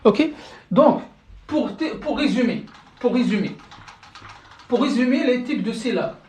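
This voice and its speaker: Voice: medium pitch, expressive, measured pace, darkish tone. A language teacher giving a live-streamed lesson, patiently explaining step by step and checking in with viewers, often restarting and repeating words. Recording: roomy sound from away from the mic.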